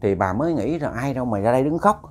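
A man with a Southern Vietnamese accent narrates a ghost story in a casual, conversational manner. He keeps turning to address his listeners directly, with a voice of ordinary male pitch. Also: lively intonation, fast.

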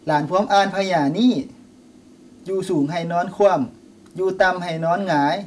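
A young man plays an earnest Lao nephew in a scripted teaching skit, patiently explaining. His voice is strikingly high for a man. He sits well back from the mic, and a faint hiss runs underneath. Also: fairly even intonation, normal speed, a little mellow, close to an everyday voice. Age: young adult. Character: young Lao nephew reading an old proverb book. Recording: distant mic, faint noise.

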